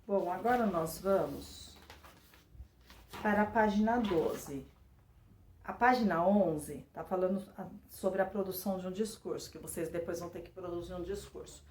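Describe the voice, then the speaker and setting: A woman teacher, reading and explaining a textbook lesson at an even, patient pace. She keeps checking in with her students through tag questions. Her voice sits a little away from the microphone in a roomy space. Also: lowish voice, normal speed, recorded from a distance, a little hiss or hum. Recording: roomy sound, voice away from the mic.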